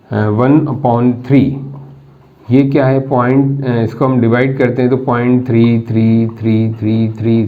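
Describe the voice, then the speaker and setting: A man teaching a maths class, mixing Indian-accented English terms into his explanation and often repeating key words and asking students questions. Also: medium pitch. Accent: Indian English mixed into Hindi. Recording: tinny phone-like audio.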